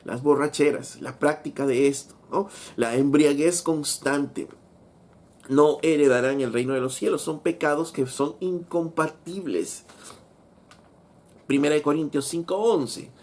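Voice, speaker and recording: A man's voice: a little high, measured pace, darkish tone. A man preaching a sermon, reading scripture aloud and often asking rhetorical questions. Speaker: pastor.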